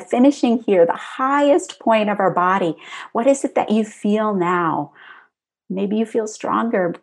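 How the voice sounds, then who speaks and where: Breathy, calm female guide for a tapping exercise; soothing, mid-pitched, middle-aged. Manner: calm, soothing guidance with spoken affirmations. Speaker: tapping practitioner guiding a session.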